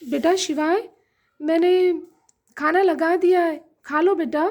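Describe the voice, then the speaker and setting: A woman voicing a gentle, worried mother-in-law in a doll-play drama, soft and pleading. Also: extremely high pitch, fairly even intonation, slow, lo-fi sound. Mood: tender.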